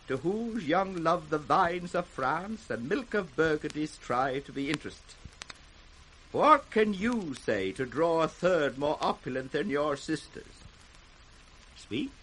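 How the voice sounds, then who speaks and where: Grand old british king, commanding, high bright forceful voice, old radio shakespeare. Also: slight background noise, low-quality recording. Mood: fond, then stung. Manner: grand, declamatory. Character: aging imperious king dividing his kingdom, grand and commanding.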